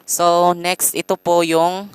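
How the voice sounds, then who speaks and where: A man with a Filipino accent, giving a casual how-to vlog with lots of pauses and fillers, talking into a condenser microphone. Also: high-pitched, little pitch movement, clear, resonant tone, dry recording. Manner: hesitant, fillers and frequent pauses; addresses viewers politely as guys. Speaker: vlogger. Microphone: condenser mic through a sound card.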